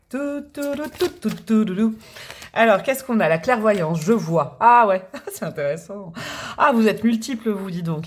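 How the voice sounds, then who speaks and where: A woman doing a tarot reading for the viewer, chatty and thinking aloud, with restarts and little hummed sounds. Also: mid-range voice. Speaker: tarot reader.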